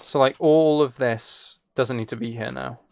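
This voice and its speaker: Talking casually through his gameplay, a man with a creaky, mid-range voice rambles and thinks out loud, poking fun at himself playfully. He speaks at a measured pace with a slightly mellow quality.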